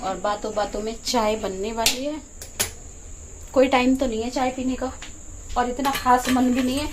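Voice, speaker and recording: Middle-aged woman, high voice, chatty home vlog at home on a phone, bit of background hiss. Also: steady tone, moderate pace. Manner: chatty, explains while doing chores. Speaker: vlogger. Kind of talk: casual home vlog chat. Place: home kitchen and yard.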